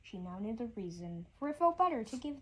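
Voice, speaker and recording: A woman with a fairly high, very animated and slightly bright voice reads a rhyming children's storybook aloud. Her reading is halting, and she often stumbles over words and goes back to repeat them. Noticeable noise sits behind her.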